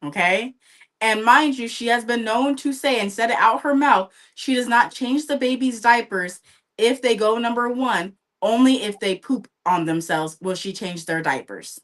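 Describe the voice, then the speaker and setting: Bright-voiced chatty woman gossiping. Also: fairly high pitch, normal speed. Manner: chatty, gossipy, animated storytelling. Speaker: livestream co-host. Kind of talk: casual chat while painting. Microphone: livestream setup.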